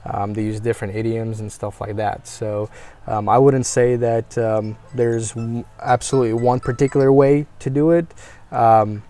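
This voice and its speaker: A man's voice: medium pitch, steady tone, normal speed, dark tone. An American man chatting casually as a guest, hesitant, with many ums and restarts. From United States. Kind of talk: casual conversation.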